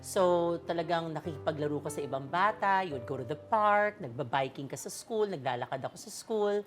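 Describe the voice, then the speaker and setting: A woman's voice: deep voice, animated, quick pace. A woman speaking with an American-tinged Filipino accent, a chatty and playful interview guest who mixes English and Tagalog. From Philippines, raised in the United States. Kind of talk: casual Taglish chat. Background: background music.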